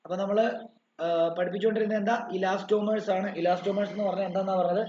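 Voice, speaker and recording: A man's voice: high-pitched, warm tone. A man teaching physics to an online class with a Malayali English accent, asking questions and answering them himself, and dictating notes. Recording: dull roomy recording with faint noise.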